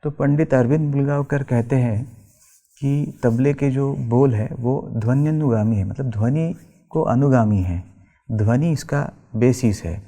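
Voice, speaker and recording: Against a background of tabla music, a male tabla teacher with a mellow, mid-range voice delivers a slow, explanatory lecture. He patiently defines terms, recites the bols rhythmically, and mixes in English words.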